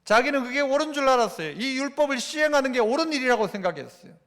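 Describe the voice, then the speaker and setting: A man's voice: very high voice, animated, fast talker, a bit bright. A male pastor preaching a Sunday sermon, throwing rhetorical questions at the congregation. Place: church sanctuary. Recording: long church-hall reverb.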